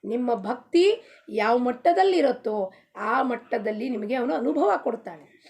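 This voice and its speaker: A woman's voice: a little high, lively intonation, measured pace, a little mellow. A woman giving a devotional talk as a spiritual teacher, asking rhetorical questions and answering them herself. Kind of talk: devotional discourse in Kannada with sung Marathi abhang.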